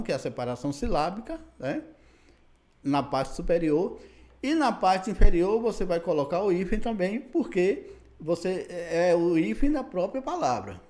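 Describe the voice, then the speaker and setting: A lively, high-pitched male teacher gives a recorded grammar lesson, explaining as he goes. He keeps checking understanding with "né" and "tá bom" and spells out letters one at a time.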